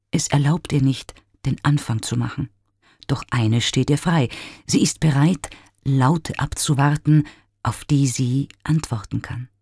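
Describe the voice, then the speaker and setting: A man giving a measured, expressive scripted narration of a classical myth. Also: medium pitch, breathy edge, dry recording, clean studio sound.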